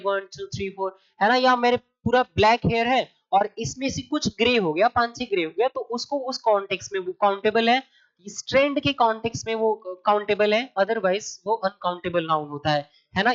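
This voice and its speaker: A male coaching teacher giving an exam-prep grammar lesson. He asks rhetorical questions, repeats his points with a tag question, and reads English examples slowly and deliberately. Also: very high-pitched, fairly bright tone. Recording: dull lo-fi recording.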